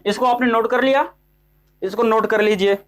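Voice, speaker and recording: A male English teacher with a very high-pitched voice gives a classroom-style grammar lesson at a moderate pace and fairly even intonation. He poses questions, answers them himself, and keeps checking that students follow by repeating "ठीक है?"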